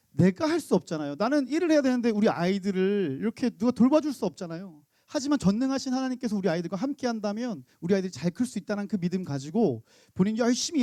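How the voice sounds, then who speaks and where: Field: high-voiced male pastor. Style: sermon. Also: no room sound. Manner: animated, asks the congregation questions. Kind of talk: sermon with storytelling. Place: church.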